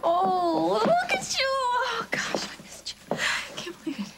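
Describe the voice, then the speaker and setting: A woman's voice: very high-pitched, very animated, a little slow, heavy background noise, heavily acted. A woman playing a doting, emotional mother with a gushing, informal manner in a soap opera. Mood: relieved affection.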